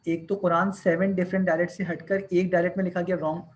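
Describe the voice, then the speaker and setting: A man with a high-pitched, fairly flat voice lectures a class at a quick pace. He explains things step by step, counts his points aloud, and mixes English terms into his speech.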